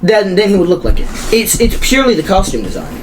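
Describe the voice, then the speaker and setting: A man's voice: high voice, fast, background noise. A young man co-hosting a podcast, talking casually and animatedly, with lots of fillers and restarts. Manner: animated, rambling with many fillers. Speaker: podcast co-host. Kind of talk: casual chat.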